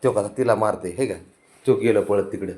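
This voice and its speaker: A man's voice: on the low side, brisk, mellow. A man talking to his pet cat, coaxing and teasing it in a casual, scolding baby-talk way.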